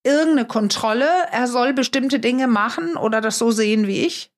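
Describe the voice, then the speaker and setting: A woman's voice: on the high side, moderate pace. A woman co-hosting a podcast, explaining relationships and the unconscious in an earnest, emphatic way with frequent fillers. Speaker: podcast co-host, relationship expert.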